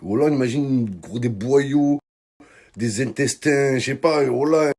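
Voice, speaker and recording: A man's voice: mid-range voice, a little slow, a little mellow. A young man telling jokes in casual street slang, talking straight to his phone camera. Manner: joking, slangy street French. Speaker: comedian vlogger. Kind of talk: casual comic monologue.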